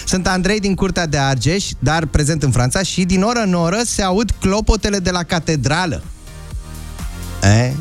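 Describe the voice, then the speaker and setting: A man's voice: high-pitched, animated, soft background music. A man hosting a morning radio show, chatting casually, joking and reading listener messages aloud. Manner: jokey, laughs often, reads messages aloud.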